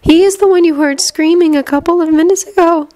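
A woman reading a story aloud and voicing a dreamy, distant young witch girl who speaks softly as if her mind were far away. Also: very high-pitched, steady tone, brisk, pitched above the performer's own voice. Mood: dreamy, matter-of-fact. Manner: soft, dreamy, faraway way of talking.

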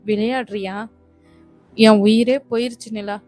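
A woman's voice: a little high, fairly even intonation, measured pace, darkish tone, faint music behind, lightly acted. A woman voicing a smitten young man who worries about losing his sweetheart, read evenly. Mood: anxious. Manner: anxious, eager. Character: young lover Sakthi, anxious and smitten.

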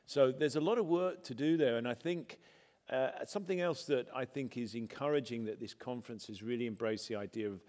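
A man on a conference panel, giving thoughtful, measured remarks with some fillers. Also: mid-range voice, a little mellow. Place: large conference hall stage. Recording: reverberant conference hall.

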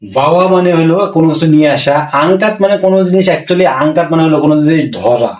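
A man giving a casual spoken language lesson, repeating phrases slowly and filling pauses with small asides. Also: on the high side, dull audio. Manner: slow, repetitive drilling of phrases with many fillers. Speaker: language teacher. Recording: echoey room, voice from a distance.

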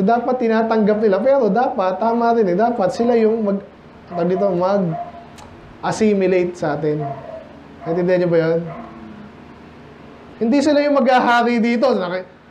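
A man's voice: sits high, dark tone, highs cut off, slight background noise. A Filipino man preaching a sermon as pastor, switching between Tagalog and English and firing rhetorical questions at the congregation. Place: church.

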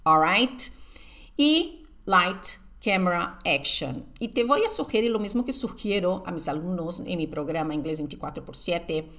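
A woman teaching an English lesson, drilling phrases with slow, emphatic repetition and answering her own questions. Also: fairly low pitch, lively intonation, a bit bright. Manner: asks the viewer questions and answers them herself. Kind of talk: online language lesson.

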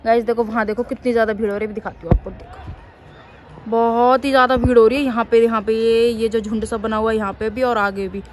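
A woman's voice: a little high, little pitch movement, fairly quick, reverberant, slight background noise. A young woman chatting casually in a family vlog, often checking "है ना?" with her partner. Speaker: vlogger.

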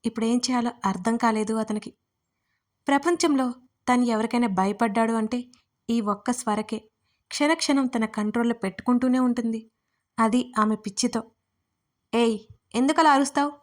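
A woman's voice: fairly high pitch, fairly even intonation, normal speed. Woman narrating a romance story. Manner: voices the lovers' dialogue herself.

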